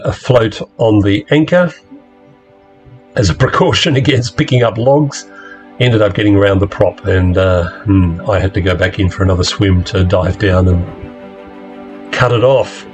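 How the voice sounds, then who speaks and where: A low-voiced man gives a relaxed talk about his slides to a club audience, pausing with plenty of ums and uhs. Soft music plays faintly in the background. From Australia. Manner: relaxed, rambling, many fillers. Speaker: club presenter.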